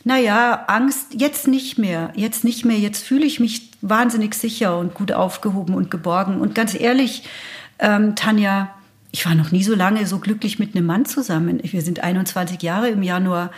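A woman's voice: medium pitch, normal speed. A woman, telling a personal story as an interview guest and acting out the dialogue. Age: 60s. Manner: animated, acts out dialogue.

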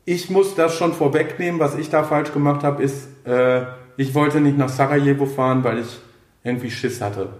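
A man hosting a podcast in a casual, halting way, thinking aloud as he chats. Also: medium pitch, fairly even intonation. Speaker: podcast host. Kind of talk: casual chat. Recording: roomy echo, faint background noise.

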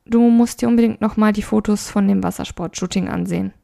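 A harried male project manager, pushed for time, rattles off orders to his team, as a woman reads him in a storybook. The voice sits low with a gravelly fry and a warm, mellow tone. He sounds brisk and hurried. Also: steady tone.

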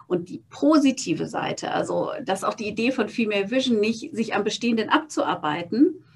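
A woman's voice: mid-range voice, expressive, normal speed, a little hiss or hum. A woman being interviewed as a founder, speaking thoughtfully and often repeating words as she searches for them. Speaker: guest, founder. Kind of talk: conversational interview. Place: office space.

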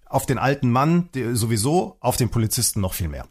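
A man telling a personal story in casual chat, animated, acting out the people he quotes. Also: mid-range voice, fairly quick, husky.

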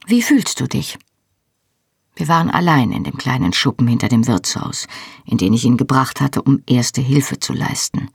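A woman reading first-person narration from a novel as an audiobook narrator, measured and even. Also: extremely low pitch, gravelly, slightly rough, no echo, clean studio sound.

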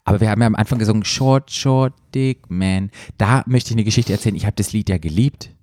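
A man's voice: fairly low pitch, racing, darkish tone, slightly rough, no echo, clean studio sound. A man co-hosting a casual podcast, bantering playfully and teasing his partner. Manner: playful, teasing, sings a joke song at the start. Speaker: podcast co-host. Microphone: studio microphone with headphones.

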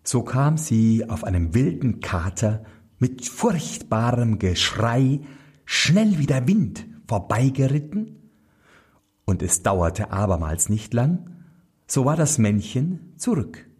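Slow, husky male fairy-tale reader. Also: medium pitch. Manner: slow, very expressive reading. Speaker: storyteller.

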